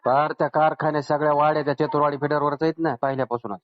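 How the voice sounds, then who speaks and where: A man's voice: fairly high pitch, flat delivery, very fast, no echo. Lineman, man, on the phone, defensive and repetitive, dry dull line sound. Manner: defensive, insistently repeating himself. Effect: over a phone line. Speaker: electricity lineman. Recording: muffled, dry phone call recording.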